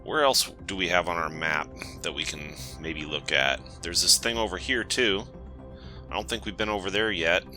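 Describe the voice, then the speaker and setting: Soft game music plays beneath this gaming channel host, who has a cold and thinks aloud in relaxed let's-play commentary as he explores. His very low voice comes across as strikingly bright and forceful.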